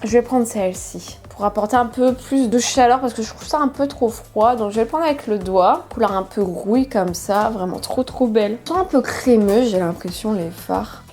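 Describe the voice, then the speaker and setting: A woman's voice: fairly high pitch, normal speed, hardly any pauses, darkish tone, soft background music. A young woman chatting casually and enthusiastically while walking through a makeup tutorial as a beauty vlogger. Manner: chatty, enthusiastic about colors.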